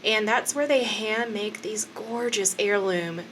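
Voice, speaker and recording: A woman's voice: medium pitch, unhurried, fairly bright tone. Woman podcast cohost, thirties, rambly and laughing a lot, bit of hiss behind. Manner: chatty, laughs often, many fillers. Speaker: podcast co-host. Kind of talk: casual chat.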